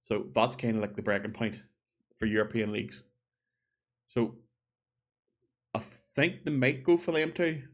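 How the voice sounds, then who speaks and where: A man's voice: mid-range voice, lively intonation, unhurried, pauses often. Chatty man thinking aloud. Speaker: gaming video creator. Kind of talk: casual opinion monologue.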